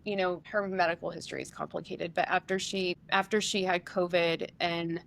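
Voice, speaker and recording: A woman in her thirties co-hosting a podcast, speaking thoughtfully and softly as she searches for words in a reflective personal conversation. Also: on the low side, fairly even intonation, normal speed, gravelly, a little hiss or hum. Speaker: podcast co-host.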